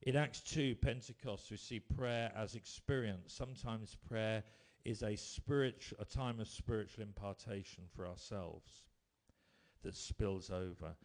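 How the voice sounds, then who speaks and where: A man preaching a sermon, telling stories with emphatic rises and quiet drops. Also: lowish voice, a little slow. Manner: storytelling, rising to emphatic bursts then dropping quiet.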